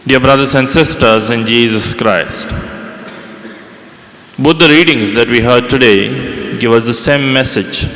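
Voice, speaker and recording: A man serving as priest, reading the gospel and giving a measured homily with occasional restarts, heard with a cathedral echo. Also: mid-range voice, fairly bright tone. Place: large church. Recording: long echoey church reverb.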